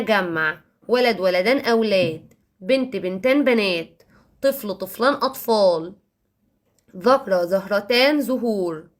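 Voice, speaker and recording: A woman teacher with an Egyptian Arabic accent, explaining to parents how she teaches young children, emphatic and repeating key words, slowing down on examples. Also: mid-range voice.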